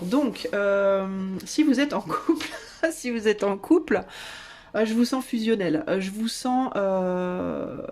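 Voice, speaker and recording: A woman's voice: mid-range voice, darkish tone. A woman giving a casual tarot reading to her viewers, chatty and slangy, with many hesitations. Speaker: tarot reader.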